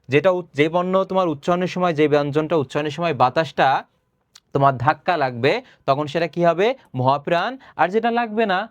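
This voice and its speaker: Young man, online class teacher, slightly raised voice, dry close sound, asks and answers his own questions, clears throat often. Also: on the high side, dry recording, muffled recording. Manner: explains step by step, asks questions and answers them himself. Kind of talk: recorded online class lecture.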